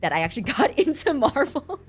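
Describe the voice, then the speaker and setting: A young adult woman streams live, chatting in a giggly, talkative way with an American accent. Born in China, she has Mandarin as her first language and was raised in the US from about age six. Her voice sits high, very animated and a little fast, with faint music behind.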